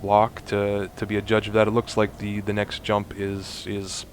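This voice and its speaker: A man narrating a space game walkthrough, explaining steps to viewers in a chatty, instructive way and getting excited at times. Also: lowish voice, moderate pace, a little hiss or hum. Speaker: gaming YouTuber. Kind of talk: let's play walkthrough commentary.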